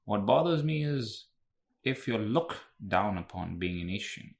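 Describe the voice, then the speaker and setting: A man's voice: fairly low pitch, expressive, a little slow, vocal fry. A man who is a podcast guest, speaking as an in an earnest, casual way and repeating phrases for emphasis.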